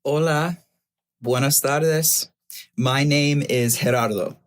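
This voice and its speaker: A man's voice: mid-range voice, slow. Guy born in mexico raised in san diego, self-assured, plain mid voice. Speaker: youth activist. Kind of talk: personal testimony interview.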